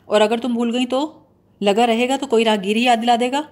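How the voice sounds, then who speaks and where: A woman's voice: a little high, fairly even intonation, lightly acted. Woman reading an eager friendly young woman. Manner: warm, eager.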